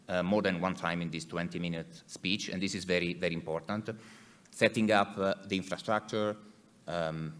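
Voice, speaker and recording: A man with an Italian accent giving a conference presentation in English as an executive, speaking haltingly and repeating words. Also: deep voice, fairly bright tone.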